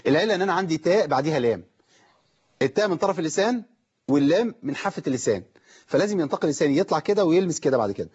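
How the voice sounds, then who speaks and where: A man's voice: fairly high pitch, lively intonation, rapid-fire, darkish tone, slightly rough, lo-fi sound. A man with an Egyptian accent giving a televised lesson on pronouncing Quranic letters, explaining step by step and quizzing his viewers. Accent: Egyptian Arabic. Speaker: Quran recitation teacher.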